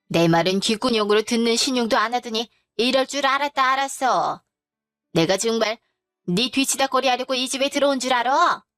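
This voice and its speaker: A domineering, scolding older mother-in-law, put on by a woman storyteller. The voice sits high and the sound is dry and close. Soft music plays underneath. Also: no echo, lightly acted. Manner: scolding, contemptuous tirades.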